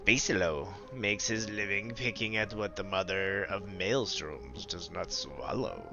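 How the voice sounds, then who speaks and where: A man voicing a greedy, cackling male scavenger who talks slowly and slyly about himself in the third person, in a game playthrough. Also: deep voice, gravelly, muffled recording, over music, pitched below the performer's own voice. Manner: slow, sly, speaks of himself in third person.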